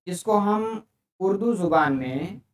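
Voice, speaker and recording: A man's voice: high-pitched, lively intonation, unhurried, recorded from a distance, slight background noise. A man teaching an online grammar lesson, explaining patiently and repeating each term in several languages. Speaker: Arabic teacher. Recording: echoey room, speaker away from mic.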